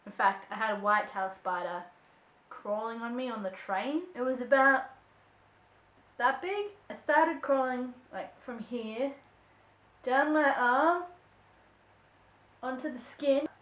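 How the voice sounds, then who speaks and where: A young woman with an Australian accent talks casually to camera as a vlogger. Her voice sits slightly high, and she springs into playful voices when quoting people. The sound carries a noticeable room echo. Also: takes it slowly, long pauses, highs cut off. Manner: chatty and expressive, acts out quoted voices. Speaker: vlogger answering viewer questions. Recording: echoey room.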